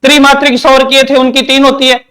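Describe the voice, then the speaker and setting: A man's voice: extremely high pitch, monotone, fast talker, sharp tone. A male teacher giving an exam-prep grammar lecture, repeating points and asking questions he answers himself. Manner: repetitive question-and-answer drilling.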